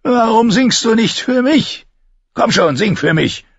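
A man voicing a drunk, scarred, brutal guard who taunts in slow, slurred, drawn-out phrases, in a slightly dull recording. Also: extremely high pitch, expressive, breathy edge, no echo, voice pushed up, heavily acted. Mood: mocking.

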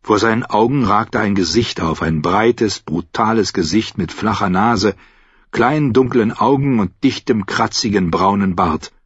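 Male audiobook narrator, low husky voice, very slow, dry, slightly muffled recording. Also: dry recording. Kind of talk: scripted narration.

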